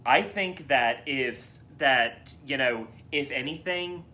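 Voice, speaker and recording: A man co-hosting a casual podcast about a film, talking in long, animated runs full of restarts. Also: mid-range voice, slow pace. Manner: animated, rambling with many restarts. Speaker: podcast co-host. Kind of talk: casual film discussion chat.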